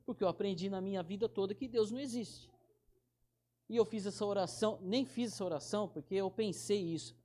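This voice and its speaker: A man's voice: sits high, dark tone. A man preaching a casual, direct sermon, often restarting his sentences. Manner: informal, direct, addresses listeners as brother; halting restarts. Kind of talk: conversational sermon.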